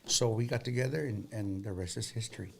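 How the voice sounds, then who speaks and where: A man's voice: lowish voice, brisk, vocal fry. A man with a West Texas accent chatting casually as an interview guest, teasing and cutting in. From West Texas, United States. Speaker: band member, interview guest. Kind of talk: casual bantering interview chat.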